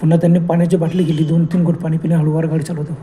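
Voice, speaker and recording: A man's voice: on the high side, level tone, racing, dark tone, slight background noise. A man telling a horror story with a dramatic, suspenseful delivery.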